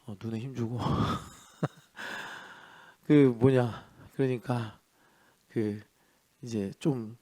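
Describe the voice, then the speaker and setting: A male pastor preaching an early-morning sermon in a chatty way, asking rhetorical questions and swinging between loud and soft. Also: mid-range voice. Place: church.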